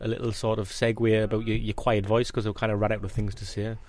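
A man's voice: on the low side, level tone, fast, a little mellow, no echo. A man hosting a football podcast in casual chat, with an informal, bantering manner.

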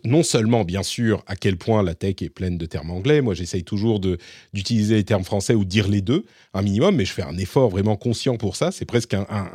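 Animated low-voiced podcast host. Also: male voice, slightly rough, no echo, studio quality. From Lebanon. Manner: animated, chatty, many restarts. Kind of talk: casual tech podcast chat.

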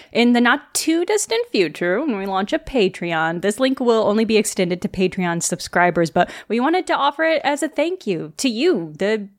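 A woman podcast host giving listeners a casual announcement and credits. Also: medium pitch. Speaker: podcast host, player and producer.

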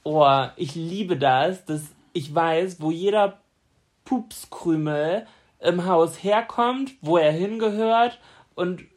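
A woman's voice: fairly low pitch, slow, a little mellow. A woman in her twenties co-hosting a podcast, chatting casually with her partner in a blunt, teasing way. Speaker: podcast co-host. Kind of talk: casual couple chat.

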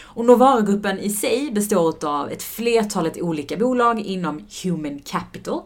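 A woman's voice: mid-range voice, animated. A woman co-hosting a podcast, chatting casually in an upbeat, giggly way with lots of filler words and running a sponsor read. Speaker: podcast co-host.

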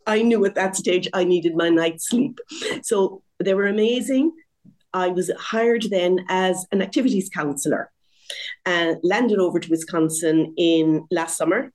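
A woman in her sixties, a guest telling her story in a lively, conversational interview, laughing often at herself. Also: fairly low pitch. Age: 60s.

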